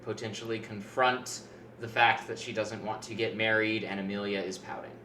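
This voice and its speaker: Bright, forceful male game master. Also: lowish voice, level tone, normal speed. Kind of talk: casual tabletop game narration. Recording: echoey room, faint noise.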